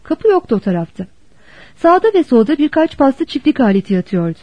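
Woman reading an audiobook, lively expressive delivery, dull dry lo-fi sound. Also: high voice, a little fast, no echo. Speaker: audiobook narrator. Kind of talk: scripted narration.

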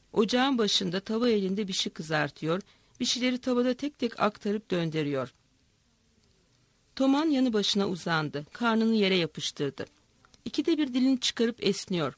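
A woman's voice: mid-range voice, no echo. Woman reading a village story aloud. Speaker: narrator.

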